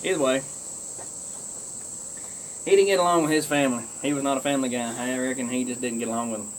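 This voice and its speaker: A Kentucky man with a rural Southern accent smokes a pipe while rambling to viewers in a folksy, drawling way. He talks fast in a steady, mid-range voice, and the low-quality recording has a bit of hiss or hum.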